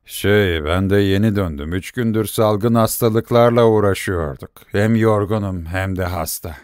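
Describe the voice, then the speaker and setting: A man's voice: fairly low pitch, unhurried, darkish tone, clean tone, no echo, studio quality, lightly acted. A man playing a tired, feverish country doctor who mumbles and grumbles. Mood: drowsy.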